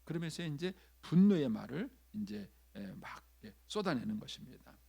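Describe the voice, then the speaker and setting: A man's voice: medium pitch, sing-song, moderate pace, creaky, mellow, slightly rough. A man preaching a sermon in a church, talking conversationally and acting out quoted lines in changing voices. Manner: conversational preaching with frequent filler 'ye'. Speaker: pastor. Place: church sanctuary.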